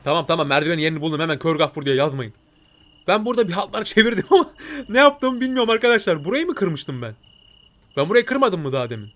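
A man voicing an excitable, jokey male cartoon cat who comments on a game and talks to his viewers. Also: a little high, fast talker. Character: chatty male cartoon cat gamer, jumpy. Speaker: gameplay commentator. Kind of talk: let's-play commentary.

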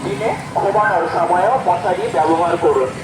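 A Bangladeshi man delivers a scripted public health announcement through a megaphone. His voice sits high for a man. The recording is noisy, as if made out on the street. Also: steady tone, normal speed. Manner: addressing residents through a megaphone. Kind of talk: read-out public service announcement.

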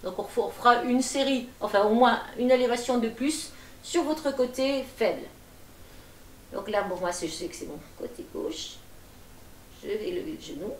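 A middle-aged woman leading a gentle seated exercise class from her attic room at home, with calm, encouraging and folksy cues. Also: a little high, normal speed, a little hiss or hum. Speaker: gentle gym instructor. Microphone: far camera. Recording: echoey room from far off.

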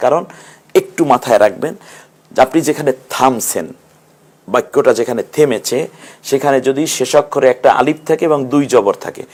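A man teaching Quran recitation rules in an online lesson, explaining patiently and chanting short verse examples. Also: mid-range voice.

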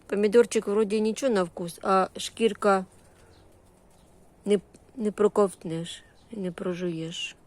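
This woman's medium-pitched, darkish voice stays steady and a little slow, with long pauses. She gives a casual, unscripted tour of a vegetable garden and greenhouse in short, homely, diminutive-filled phrases. Her accent is Ukrainian, blended with Russian-influenced surzhyk words.

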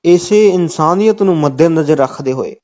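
On a comic phone call, a man with a Punjabi accent and a fairly high voice talks insistently, circling back to the same stock phrases. He sounds expressive, keeps a moderate pace, and has a darkish tone. The audio is dull and lo-fi.

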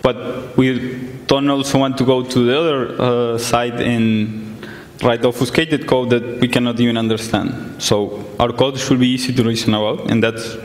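Delivering a conference talk in a large hall, a young Argentine man keeps a medium, fairly flat pitch at a normal pace. His straightforward explanation is sprinkled with fillers, and the audio is echoey and a bit distant, with slight background noise.

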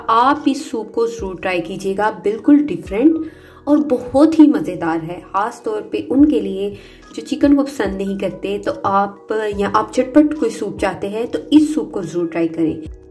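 A woman hosting a cooking channel, narrating a recipe step by step. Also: mid-range voice. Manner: steady instructional narration. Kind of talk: recipe voice-over.

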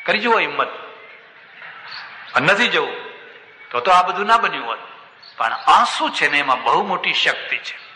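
A man preaching a sermon in a lively storytelling style that acts out the voices. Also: on the high side, normal speed, long pauses, slight background noise. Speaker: swami, preacher. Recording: echoey hall with long reverb.

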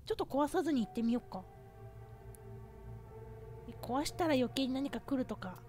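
A woman's voice: high-pitched, lively intonation, normal speed, dark tone, faint music behind. A woman from Japan streaming a horror game, thinking aloud to herself, nervous and easily startled. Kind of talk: casual horror game let's play commentary.

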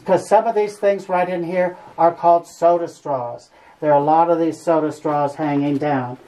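A woman's voice: low voice, dark tone. A woman working as a cave tour guide, talking informally and jokingly to a group, picked up on a visitor's camera inside a cave. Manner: folksy, joking. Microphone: visitor's camera at some distance. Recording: noisy on-location camera audio.

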